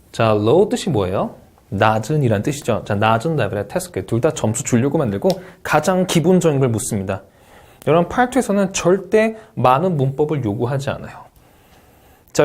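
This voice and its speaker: Lively Korean man teaching English speaking. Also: medium pitch. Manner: encouraging, repeats English words for drill. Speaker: TOEIC Speaking instructor. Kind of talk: video lecture.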